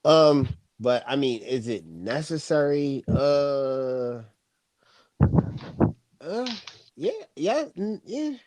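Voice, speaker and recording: A man co-hosting a podcast in casual chat, laid-back and laughing easily, with drawn-out hedging. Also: medium pitch, very animated, darkish tone, dry recording, rough recording.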